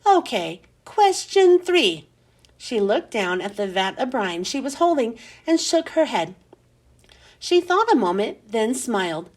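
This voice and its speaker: A woman reading a children's chapter book aloud with expressive, animated storytelling. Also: on the high side, measured pace.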